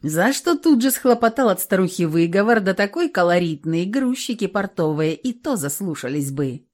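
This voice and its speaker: Female audiobook narrator, low, dark and mellow, lively delivery. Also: normal speed. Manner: expressive, storytelling.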